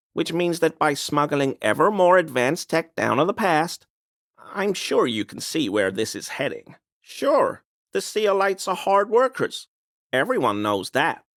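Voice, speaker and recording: Swooping, conspiratorial Gary the Cryptofascist. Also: male voice, on the high side, no room sound, clean studio sound. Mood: insinuating, insistent. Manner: insistent, knowing, conspiratorial. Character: smug conspiracy-minded man, bigoted and insinuating. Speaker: video game character. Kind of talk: video game dialogue voice lines.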